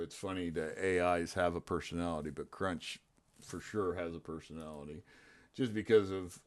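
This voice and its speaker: A man hosting a casual livestream, explaining his software in a rambling way with many fillers and restarts. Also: deep voice. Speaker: host and game developer. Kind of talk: casual livestream tech chat.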